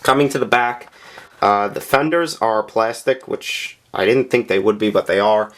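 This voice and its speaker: A man narrating a casual, unscripted review of a scale model, speaking plainly with frequent pauses and filler sounds. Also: lowish voice, vocal fry, a bit bright. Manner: plain-spoken and candid.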